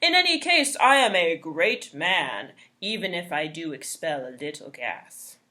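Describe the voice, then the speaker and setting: A woman's voice: low-pitched, sing-song, a little slow, bright, forceful tone, voice pushed down, exaggerated voice. A woman voicing a boastful, foolish male trickster from a folktale, with a blustering, declamatory storybook manner. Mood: boastful, defiant. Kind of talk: folktale character voice.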